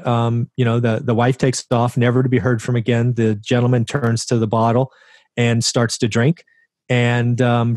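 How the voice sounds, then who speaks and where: A man's voice: mid-range voice, a little mellow, no room sound, clean studio sound. A man in his forties, a guest on an interview show, telling his story conversationally and often tossing in a rhetorical "right?". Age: 40s. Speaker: interview guest, real estate investor.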